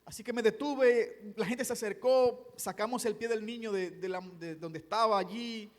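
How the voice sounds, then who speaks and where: A man in his forties delivers a sermon with a strikingly high voice. He moves between hushed storytelling and fervent preaching. The long reverb of a church hall trails after his words. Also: steady tone, normal speed. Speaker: pastor. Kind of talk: evangelistic sermon. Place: church sanctuary.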